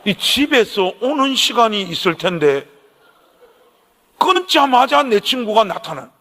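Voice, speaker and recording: A middle-aged pastor with a Gyeongsang Korean accent delivers a storytelling sermon, his voice pitched notably high. He talks straight to the pews in a lively, animated way. A long reverb from the church sanctuary trails every phrase. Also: unhurried. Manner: animated storyteller, addresses the congregation directly.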